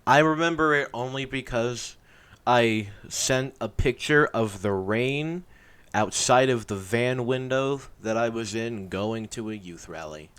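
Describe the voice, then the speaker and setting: A man's voice: mid-range voice, measured pace, a bit bright, clear, resonant tone. A young man co-hosting a casual podcast chat on a voice call, dry and joking. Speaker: podcast co-host. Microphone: home mic on a voice call.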